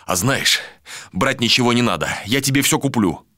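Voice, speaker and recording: A man's voice: medium pitch, lively intonation, normal speed, sharp tone, no room sound, studio quality. A man reading a possessive, unhinged nobleman. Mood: controlling. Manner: commanding, then obsessive and menacing. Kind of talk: audiobook character voice.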